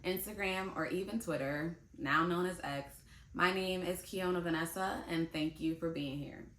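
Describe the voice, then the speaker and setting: Her voice fairly low and her speed normal, this woman in her late twenties vlogs from an echoey room with heavy background noise. She chats casually to the camera, speaking directly to viewers and laughing readily.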